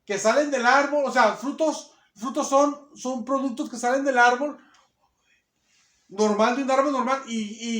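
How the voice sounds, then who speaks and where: A man's voice: very high voice, a bit bright. A man preaching a sermon, emphatic and given to restarts, recorded in a church hall. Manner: emphatic, acts out quotes, many restarts. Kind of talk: sermon Bible teaching. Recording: roomy echo.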